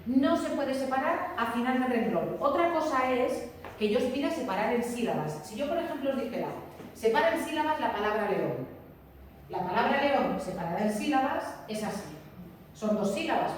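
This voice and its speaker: Woman teacher, fairly high voice, patient lecture style, long echo, distant mic. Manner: explains patiently, repeats key points, checks with students. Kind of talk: classroom lecture. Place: classroom. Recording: roomy echo, distant mic, faint room noise.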